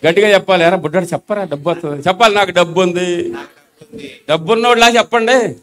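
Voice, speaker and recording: A man's voice: high voice, fast talker, fairly bright tone. A man preaching a sermon in a Telugu accent, urging the congregation to repeat after him. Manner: exhorting the congregation to repeat aloud. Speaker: pastor.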